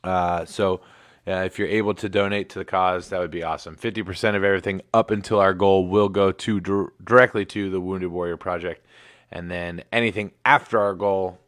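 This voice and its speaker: A man's voice: low-pitched, a bit bright, no echo, clean studio sound. A man in his thirties hosting a casual livestream sports show, laid-back and rambling with plenty of fillers. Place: home in Michigan.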